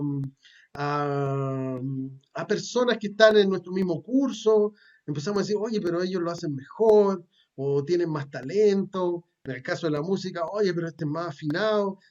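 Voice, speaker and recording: Speaking in a high register, a Chilean-accented pastor delivers a sermon, reading passages of scripture and unpacking them in everyday language full of fillers and repetition. The audio has its highs cut off.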